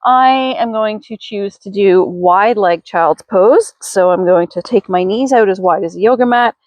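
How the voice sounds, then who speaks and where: A woman yoga instructor leading a slow, gentle class in a careful, unhurried way. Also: medium pitch, no room sound, dull audio.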